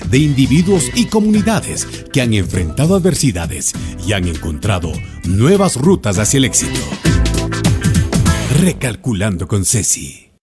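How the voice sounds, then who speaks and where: A man reading a lively scripted podcast intro. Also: lowish voice, normal speed. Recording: over music.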